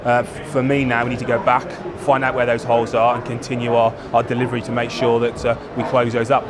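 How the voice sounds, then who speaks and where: A man's voice: medium pitch, fast. A man in his forties, a rugby forwards coach, giving a post-match interview in a stadium stand, repeating and restarting his phrases. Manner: flat, repetitive, restarts phrases. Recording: outdoor stadium with crowd noise. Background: crowd murmur.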